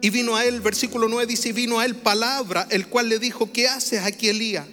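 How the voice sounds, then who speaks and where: A man preaching to a congregation in a high voice. He calls on the listeners to repeat key phrases after him. The sound rings with the long echo of a large church hall. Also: fairly even intonation, a little fast, bright, forceful tone, faint music behind. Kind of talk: sermon. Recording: reverberant hall.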